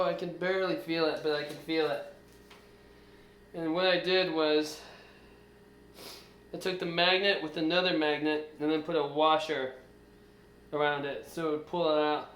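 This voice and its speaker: A man's voice: fairly high pitch, a bit bright, reverberant, slight background noise. A man vlogging at home, explaining step by step in plain, casual speech. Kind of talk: casual home-video narration. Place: room in a house.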